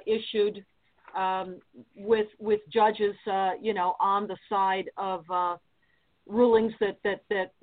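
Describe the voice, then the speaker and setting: A woman appearing as a guest on talk radio, speaking earnestly while stumbling over many fillers and restarts. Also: mid-range voice. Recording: tinny phone-line sound.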